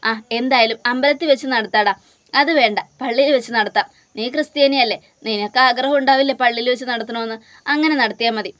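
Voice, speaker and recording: A woman's voice: a little high, quick pace, a bit bright, no echo. A woman with a Malayali accent retelling a TV serial episode, voicing the characters' lines herself with plenty of emotion. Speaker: serial recap narrator. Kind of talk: dramatic storytelling recap.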